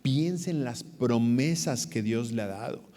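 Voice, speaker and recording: A man's voice: medium pitch, unhurried, mellow. A male preacher delivers a dramatic sermon in a church, raising his voice to act out a blind man's cries. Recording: long hall reverb.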